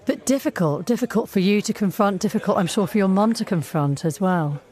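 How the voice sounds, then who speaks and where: A woman presenting a radio talk show, asking measured, empathetic questions of her guest. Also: mid-range voice, darkish tone. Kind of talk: radio interview.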